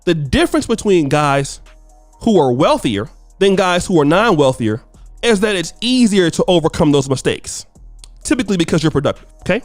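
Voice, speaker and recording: Animated high-pitched man, smug gossip commentary. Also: moderate pace, no echo, soft background music. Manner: often adds tag questions like right and okay. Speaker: online commentary host. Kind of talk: opinionated celebrity gossip commentary.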